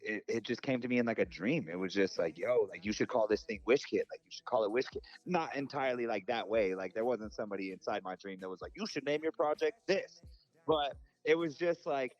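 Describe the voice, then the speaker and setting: A man's voice: medium pitch, a little fast, no echo, faint music behind. A man, a musician guest, talking in a loose, rambling way over a phone call, filling his sentences with "like" and "you know.". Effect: heard over a phone call. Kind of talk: casual phone interview. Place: in a different time zone from the host. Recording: dull, muffled phone-line sound.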